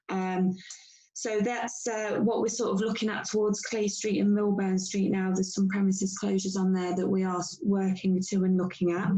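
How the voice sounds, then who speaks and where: A woman police inspector, tired after a long shift, giving a measured, factual briefing to a council meeting over a video call. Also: medium pitch, mellow, poor audio. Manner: measured, factual report with frequent pauses.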